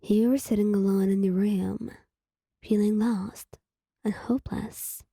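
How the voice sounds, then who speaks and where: A woman reading her own fan fiction aloud as a whispered role-play, in a soft, half-whispered storytelling voice. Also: mid-range voice, steady tone, unhurried, creaky, slightly rough, no room sound, studio quality.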